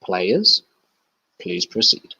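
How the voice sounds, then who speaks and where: Slow, low-voiced man narrating a game. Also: sing-song, bright, forceful tone, slight background noise. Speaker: player. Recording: dull lo-fi.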